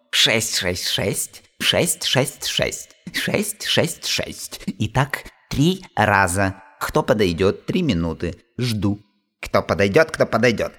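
Scheming greedy spider, slow muttering with wildly swooping pitch, comic radio fantasy. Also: male voice, a bit bright, full character voice. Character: greedy, scheming, grumbling giant male spider spy.

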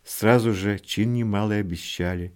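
A man voicing a kindly, tearful elderly apothecary who speaks with gentle doubt in an audiobook. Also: lowish voice, fairly even intonation, normal speed, voice pushed up, close to an everyday voice. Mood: doubtful.

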